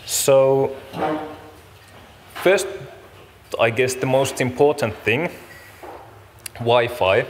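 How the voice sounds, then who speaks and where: A man's voice: mid-range voice, extremely slow, pauses often. A man opening a conference as its organiser, giving informal practical announcements in a casual, apologetic, somewhat hesitant way. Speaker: event organiser and host opening a summit. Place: large conference room, speaking to an audience. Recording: echoey hall with clear background noise.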